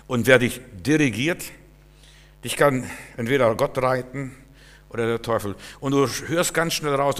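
Man preaching, mid-pitched voice, emphatic, direct address, shifting loudness. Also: big-room sound. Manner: emphatic, addresses listeners directly, swings from hushed to loud. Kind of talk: sermon.

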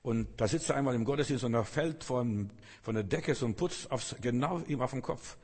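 Husky-voiced man preaching in a hall. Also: mid-range voice, moderate pace, darkish tone. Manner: earnest, repetitive, addresses listeners directly. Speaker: pastor. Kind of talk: sermon. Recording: long hall reverb.

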